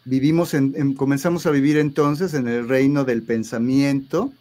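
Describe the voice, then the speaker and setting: Explanatory man, mid-pitched. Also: normal speed, dark tone. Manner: explanatory, hesitant restarts, tag questions. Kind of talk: explanatory interview talk.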